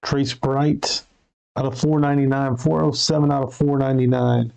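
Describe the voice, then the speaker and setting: A man's voice: medium pitch, fairly even intonation, moderate pace, creaky, darkish tone, a little hiss or hum, low-quality recording. A man hosting a sports card break, reading out player names and serial numbers and correcting himself as he goes. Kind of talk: live card break commentary.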